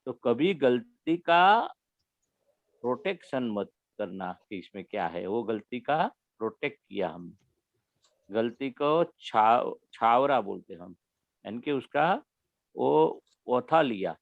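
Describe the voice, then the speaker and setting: A man giving a spiritual talk to young listeners, explaining slowly and repeating his key phrases. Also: medium pitch, big pitch swings, vocal fry, dry recording. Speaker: spiritual teacher. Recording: dull lo-fi recording.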